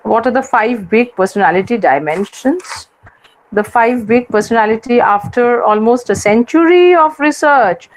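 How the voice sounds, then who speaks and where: Woman, Indian English accent, high voice, lecturer, repeats herself, checks understanding. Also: rough recording. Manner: repeats points and checks with students. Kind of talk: online class lecture.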